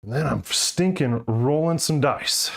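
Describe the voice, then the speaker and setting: A man's voice: mid-range voice, unhurried, creaky. A man streaming a solo board game, out of breath, thinking aloud and muttering the rules to himself. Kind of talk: thinking aloud while playing.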